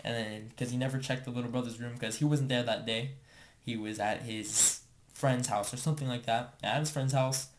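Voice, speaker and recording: A man's voice: medium pitch, steady tone, moderate pace, slight background noise. A young man casually telling a story to the camera, rambling and filling his talk with "like.". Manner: rambling, filler-heavy with constant "like".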